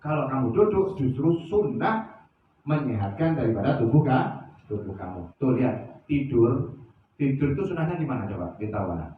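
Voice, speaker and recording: A man preaching at a religious study session, animated, asking rhetorical questions of his listeners. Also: medium pitch, moderate pace, slight background noise. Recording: echoey, distant, dull lo-fi sound.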